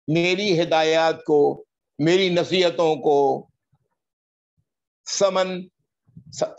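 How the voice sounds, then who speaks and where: Man teaching Quranic Arabic, lo-fi. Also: a little high. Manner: drawn-out recitation of Arabic words between quick explanations. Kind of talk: word-by-word grammar lesson in Urdu.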